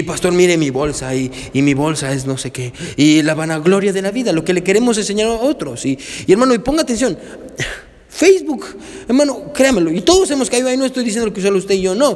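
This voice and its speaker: Preacher, high voice, animated, questions the congregation, long church reverb. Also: male voice. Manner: animated, asks the congregation questions, repeats "hermano" and "amén". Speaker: pastor. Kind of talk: sermon.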